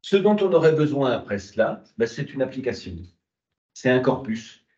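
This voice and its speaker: A man's voice: mid-range voice, normal speed. French-speaking man lecturing in echoey room. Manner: lively, rhetorical questions answered himself. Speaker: university lecturer. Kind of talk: classroom lecture. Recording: muffled, echoey classroom.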